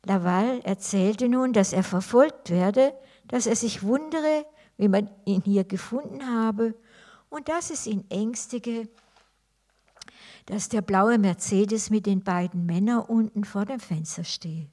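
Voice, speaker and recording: Slow, deliberate woman reading a novel aloud. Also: mid-range voice, mellow. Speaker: reader.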